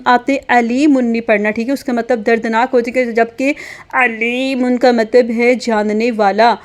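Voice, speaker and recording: A woman teaching children to read Quranic letters, slowly drilling sounds and repeating them with patient guidance. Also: on the high side, flat delivery. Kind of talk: slow instructional lesson, repeating sounds for children.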